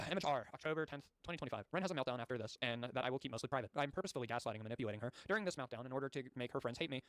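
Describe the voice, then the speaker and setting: A man's voice: mid-range voice, animated, racing, hardly any pauses, fairly bright tone, no room sound. A male streamer reading documents aloud with live commentary, often stumbling over words and breaking off into exasperated, profane asides.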